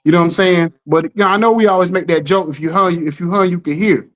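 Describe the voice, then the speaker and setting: A man co-hosting a casual talk show, telling stories with lively acted-out quotes and a steady "you know what I'm saying.". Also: fast. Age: adult parent. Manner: animated storytelling, acts out quotes with jumps in pitch. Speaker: podcast co-host. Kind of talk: casual chat.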